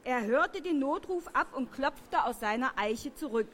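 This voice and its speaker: A woman's voice: high-pitched, slight background noise. A woman reading a children's story aloud to a group, often turning to ask the listeners questions. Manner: slow, lively, asks the children questions.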